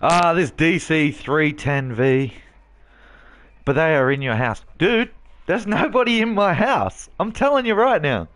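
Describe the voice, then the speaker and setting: A brash male streamer talks trash at a heckler, swearing freely. His voice sits a touch high and swings widely in pitch. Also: a bit bright. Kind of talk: live game stream chatter.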